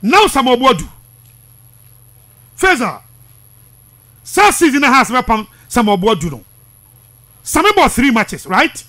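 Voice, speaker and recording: Working a close studio mic in a small radio studio, a Ghanaian sports radio presenter in his thirties mixes languages through fiery, insistent, repetitive commentary. His very high voice is sing-song and sharp, moving slowly and pausing often.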